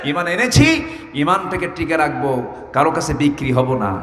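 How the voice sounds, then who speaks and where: A man from Bangladesh preaching a fervent, sing-song sermon, with shouted calls for the crowd to answer. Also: medium pitch, expressive, moderate pace, roomy sound, in a large hall, distant mic.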